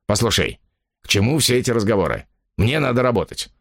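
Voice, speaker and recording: A man's voice: on the low side, animated, a little fast, vocal fry, no room sound, clean studio sound. A man voicing a cold, irritable writer who answers curtly and impatiently, in an audiobook story. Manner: curt, impatient.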